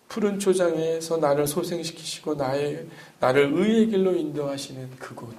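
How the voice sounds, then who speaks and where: A man's voice: medium pitch, a little mellow, slight background noise. A man, a pastor, preaching an earnest sermon with emphatic rhetorical questions to his congregation.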